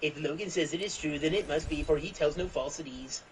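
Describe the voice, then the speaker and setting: A man's voice: on the high side, fairly quick, slight background noise, low-quality recording. A young man in casual chat on a voice call, joking in a mock-solemn way. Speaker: streamer.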